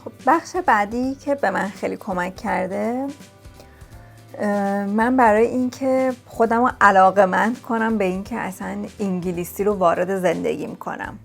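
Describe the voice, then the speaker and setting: A woman speaks straight to her viewers in a relaxed, chatty vlog, sharing tips and circling back on key words for emphasis. Her voice sits at a middle pitch with a noticeable gravelly fry. Quiet music plays underneath. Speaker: vlogger sharing language-learning tips. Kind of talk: casual talk to camera. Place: lives in England.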